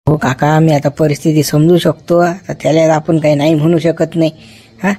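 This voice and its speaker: A man's voice: fairly high pitch, flat delivery, moderate pace, warm tone, close to an everyday voice. A man playing a self-important hospital doctor in a comedy sketch, reassuring relatives and scolding staff. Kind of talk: village comedy sketch acting.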